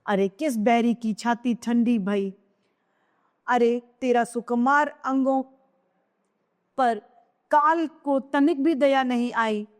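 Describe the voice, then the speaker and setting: A woman's voice: fairly high pitch, fairly even intonation, slow pace, pauses often, in a large hall. Woman reading as a wailing grieving queen mother. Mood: grief-stricken. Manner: wailing lament, cries of hai.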